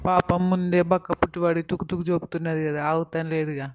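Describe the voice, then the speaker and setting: A man's voice: fairly high pitch, little pitch movement, fast talker, lightly acted. A man playing a cheeky young village lad. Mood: teasing. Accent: Telangana Telugu. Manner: teasing, cocky. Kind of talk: village comedy skit.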